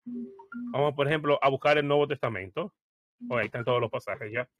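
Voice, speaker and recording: A man walks viewers through searching Bible software in a relaxed screen-share tutorial. He explains each step as he goes and often pauses on fillers while he thinks aloud. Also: medium pitch, no room sound, faint music behind.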